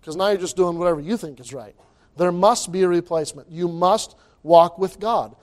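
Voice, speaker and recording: Man, high-pitched voice, pastor, informal sermon, emphatic, folksy wording, repeated phrases. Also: moderate pace, darkish tone.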